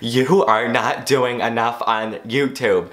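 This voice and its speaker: A man's voice: medium pitch, fairly even intonation, slow, fairly bright tone, reverberant. A teenage boy imitating his mother as she scolds him, hissing his name and then lecturing. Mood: scolding. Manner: hissed calling, then lecturing. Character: scolding mother, nagging her teen son.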